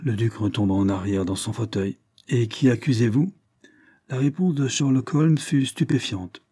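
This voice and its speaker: A man narrating a classic detective story in a measured, literary audiobook reading. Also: medium pitch, fairly even intonation, dark tone, husky, dry recording, clean studio sound. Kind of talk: scripted narration.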